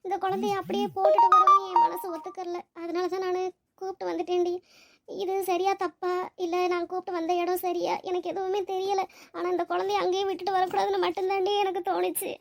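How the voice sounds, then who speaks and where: A woman's voice: extremely high pitch, little pitch movement, brisk, vocal fry, fairly bright tone, full character voice. A woman voicing a young woman who took in a crying baby, fretful and pleading as she talks to herself. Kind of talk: cartoon voice acting.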